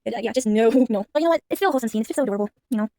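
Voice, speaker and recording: A young woman rambling through a movie reaction, talking very fast with a lot of fillers and restarts. Her voice is high, and it sounds dry and close, with no room echo. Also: animated, dark tone. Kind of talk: casual movie commentary.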